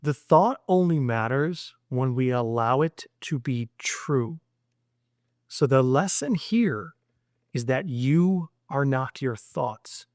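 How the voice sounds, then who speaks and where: A man speaking to his son in a heartfelt mindset lesson. He is earnest and long-winded, stringing thoughts together with "and," and gently encourages the boy. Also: medium pitch, animated, slow pace, no echo, clean studio sound. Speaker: father addressing his son.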